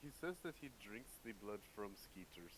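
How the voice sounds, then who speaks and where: A man's voice: on the low side, sing-song, normal speed. A man playing a simple, earnest, literal-minded sword wielder in a tabletop role-play. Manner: speaks of himself in third person, plain and literal. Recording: hissy, noisy home microphone.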